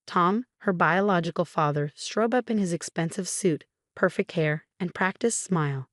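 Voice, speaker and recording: A woman reads a scripted first-person story in an even, measured manner. Her voice sits on the low side and sounds dry and close. There is no room sound around it. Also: dry recording. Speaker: narrator.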